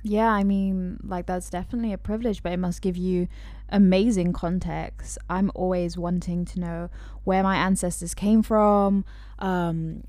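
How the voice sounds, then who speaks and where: A woman with a lowish voice hosts an interview and asks curious, open questions. Her voice sounds dry and close. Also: a little mellow, dry recording. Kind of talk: conversational interview.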